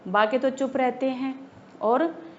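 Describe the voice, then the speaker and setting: A woman teacher tells a story to young pupils, stopping often to ask questions and repeat the key points. She speaks slowly in a fairly high voice. The recording sounds dull and lo-fi. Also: steady tone, darkish tone, a little hiss or hum. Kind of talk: storytelling lesson for children.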